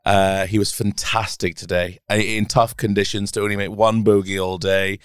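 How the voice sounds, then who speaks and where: Male broadcaster as podcast guest, low smooth voice, keen and animated, dry close mic. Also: moderate pace, no echo. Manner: animated, laughing, enthusiastic. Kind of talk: casual podcast chat.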